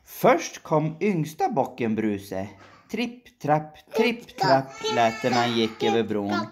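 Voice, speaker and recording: A woman reading a fairy tale aloud, slow and deliberate, with playful sound effects. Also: rumbling low, big pitch swings, darkish tone. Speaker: storyteller.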